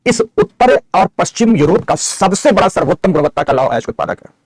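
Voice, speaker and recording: A man's voice: sits high, sing-song, a little fast, no room sound, studio quality. A middle-aged male geography teacher, giving an online map lecture, answering students' chat questions and dictating notes.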